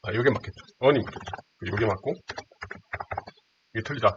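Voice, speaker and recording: A man's voice: on the low side, a little fast. Man explaining, asking rhetorical questions. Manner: asks rhetorical questions, repeats key points. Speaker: instructor. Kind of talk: screen-recorded lesson. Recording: dull lo-fi audio with faint hiss.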